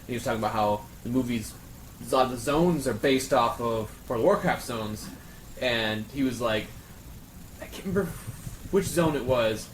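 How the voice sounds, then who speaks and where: A man on a friends' discussion show joins the casual round-table chat, explaining things in detail like an earnest fan. His medium-pitched voice moves at normal speed, recorded in an echoey room with background noise.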